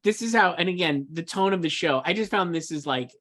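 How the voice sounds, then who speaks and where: High-pitched, a bit bright and a little fast, this man's voice carries a casual film discussion he co-hosts. As a film awards editor, he makes his points emphatically but loosely, leaning on the same filler words again and again.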